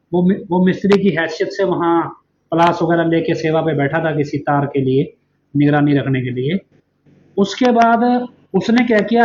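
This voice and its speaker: A man with a slightly higher-pitched voice tells a long story in an earnest, explaining way, pausing on rhetorical questions. The recording sounds dull and lo-fi, with a faint hum of noise under it. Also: darkish tone. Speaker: channel host and former follower. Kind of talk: storytelling monologue.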